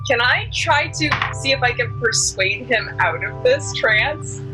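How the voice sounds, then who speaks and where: A woman's voice: a little high, expressive, measured pace, music in the background, low-quality recording. A woman player in a tabletop game, speaking in a hesitant, thoughtful way. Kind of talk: casual tabletop game play.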